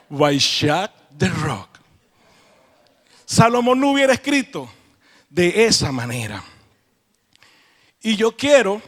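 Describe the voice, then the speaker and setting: Lively high-voiced male preacher. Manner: animated, playful, acts out sayings. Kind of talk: sermon. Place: church.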